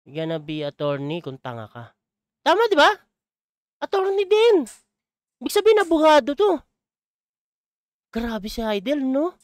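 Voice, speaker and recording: A man's voice: very high voice, huge pitch swings, a little slow, long pauses, no room sound, clean studio sound. A man hosting his own channel, giving chatty reaction commentary on a video clip, exclaiming, chuckling and repeating lines from it. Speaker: YouTuber host.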